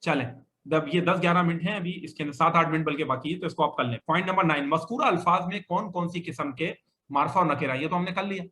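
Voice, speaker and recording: A man's voice: on the high side, fast, bright, forceful tone. A male Arabic teacher leading a classroom grammar lesson, drilling students with questions and having them repeat answers back.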